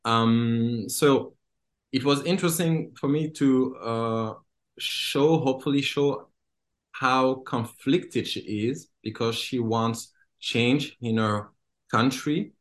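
A man's voice: mid-range voice, slow pace. Hesitant man from Congo. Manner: hesitant, many fillers and restarts. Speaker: filmmaker. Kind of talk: interview.

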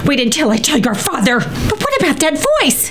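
Shrill, scolding religious mother. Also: sing-song, brisk, fairly bright tone, a little hiss or hum. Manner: melodramatic, scolding. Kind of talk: comic audio drama acting.

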